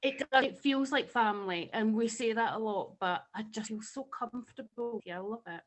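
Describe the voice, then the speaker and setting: A woman's voice: on the high side, moderate pace, low-quality recording. Effusive Scottish woman on a video call. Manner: effusive, emotional, passionate. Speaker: webinar participant.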